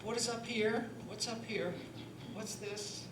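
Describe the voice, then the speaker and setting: A woman's voice: a little high, slow. A woman who is a singer and voice teacher, talking on a panel and demonstrating breathing in a chatty, demonstrative way, often asking "right?". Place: performance hall. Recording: echoey hall with steady noise.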